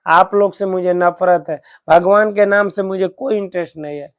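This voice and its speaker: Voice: mid-range voice, fairly even intonation, normal speed, natural voice. A man voicing a rude young man who scorns holy men and refuses to chant. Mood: contemptuous. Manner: defiant, curt.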